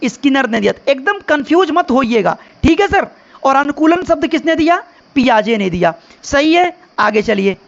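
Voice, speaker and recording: A man's voice: very high-pitched, animated, moderate pace, vocal fry, fairly bright tone, lo-fi sound. A male teacher giving an online exam-prep lesson, calling viewers friends and quizzing them with rhetorical questions.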